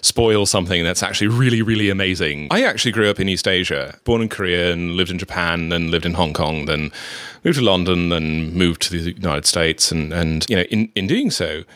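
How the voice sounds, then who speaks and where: Low dry-sounding guy rambling in a casual chat, bit self-deprecating. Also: brisk, a bit bright, dry recording.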